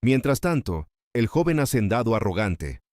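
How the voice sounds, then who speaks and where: A man's voice: fairly low pitch, very animated, normal speed, a little mellow. A man narrating a scripted dramatic story in a solemn, literary storytelling manner.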